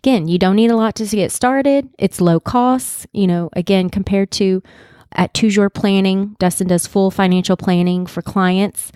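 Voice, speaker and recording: A woman's voice: mid-range voice, fairly even intonation, moderate pace, a little mellow, smooth, no room sound, clean studio sound. A woman co-hosting a casual podcast, upbeat and chatty, who also reads a legal disclaimer. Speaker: podcast co-host.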